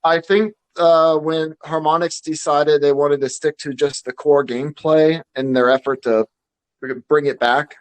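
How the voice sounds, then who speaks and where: A man's voice: a little high, little pitch movement, measured pace. A man co-hosting a podcast, talking casually and hesitantly, often restarting his sentences. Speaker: podcast co-host. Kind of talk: casual chat.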